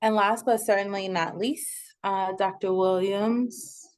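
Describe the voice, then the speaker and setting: A woman's voice: medium pitch, steady tone, unhurried. A woman resident from Houston hosting a casual panel over a video call, chatty and full of ums. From Houston, Texas. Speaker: panel moderator, second-year resident.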